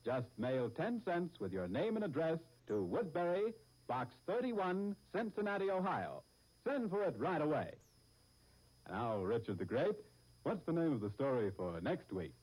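A man's voice: fairly high pitch, very animated, moderate pace, darkish tone, breathy edge, rough recording. A man announcing in old 1940s radio style, reading sponsor copy in a polished, formal sales delivery. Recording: vintage radio broadcast recording.

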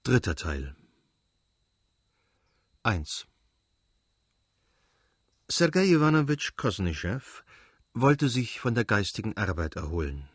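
A man narrating a classic novel as an audiobook in a measured, even way. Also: lowish voice, slightly rough, no echo, studio quality.

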